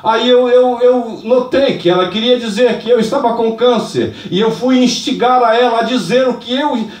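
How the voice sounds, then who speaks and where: A man preaching a fervent sermon and testimony in church, moving from hushed tones to shouts. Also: very high voice, normal speed. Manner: fervent, swings from hushed to shouting, speaks in tongues. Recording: echoey church hall, distant mic.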